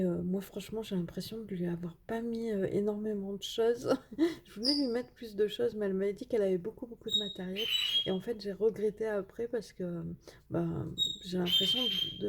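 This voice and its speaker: A woman's voice: medium pitch, a little hiss or hum. A woman vlogger chatting casually while unboxing craft mail, hesitant with many fillers and full of enthusiastic praise.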